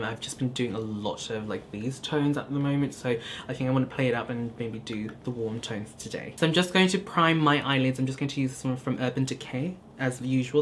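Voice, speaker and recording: A man's voice: mid-range voice, a little hiss or hum. A young man from Hong Kong, chatting casually with viewers while doing his makeup, with lots of ums and likes. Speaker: beauty vlogger. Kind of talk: casual get-ready-with-me chat. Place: small indoor studio corner.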